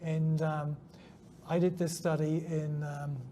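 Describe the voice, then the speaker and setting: A middle-aged German-born man with a New Zealand accent speaks slowly in a warm, level voice on the high side. As a scientist guest at a conference, he answers interview questions hesitantly, often restarting and saying um, with faint background noise.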